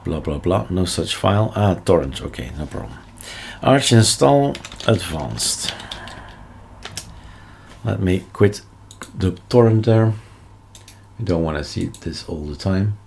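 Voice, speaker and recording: Man, Belgian accent, non-native speaker, gravelly voice, offhand tutorial talk, choppy phrasing, slight noise with typing. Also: deep voice, animated, measured pace, a little mellow. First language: not English. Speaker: tutorial host. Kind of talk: casual screencast tutorial, thinking aloud. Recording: noticeable background noise, keyboard clicks and typing. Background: keyboard typing and mouse clicks.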